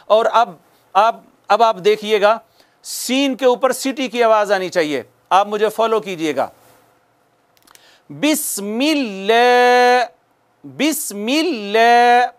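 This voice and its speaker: A man teaches Quran recitation in a very high voice. He speaks slowly and patiently, drawing out each recited word so students can follow. His explanations are calm and deliberate. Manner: slow, patient, repeats drawn-out recited words for students to follow. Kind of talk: slow spoken tajweed lesson with recited examples.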